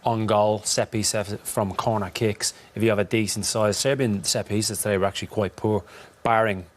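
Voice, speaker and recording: A man analyses a football match as a pundit, his voice low and kept very flat. He speaks in blunt, firm verdicts about each team. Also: moderate pace.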